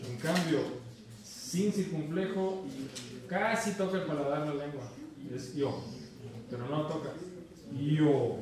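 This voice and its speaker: Slow, patient man teaching in echoey room. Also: a little high, a crowd in the background. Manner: patient, drills pronunciation slowly and repeats words. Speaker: Esperanto teacher. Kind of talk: classroom instruction. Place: university classroom. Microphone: far room recording. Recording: echoey classroom from far off, faint noise.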